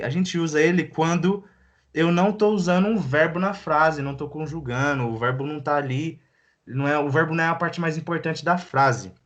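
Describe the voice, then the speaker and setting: A young man from Brazil teaching English online, easygoing and slangy, slowing down to model English phrases. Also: a little high, lo-fi sound. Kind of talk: live online English lesson.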